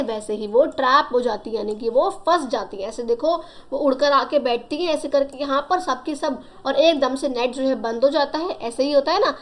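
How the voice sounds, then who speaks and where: A young woman teacher reading English lines slowly and explaining each one in Hindi. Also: sits high. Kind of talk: explaining a story lesson.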